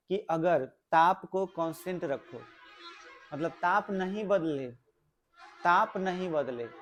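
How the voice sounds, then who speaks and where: A male physics teacher, giving a classroom lecture, explaining step by step and asking the class questions. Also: high-pitched.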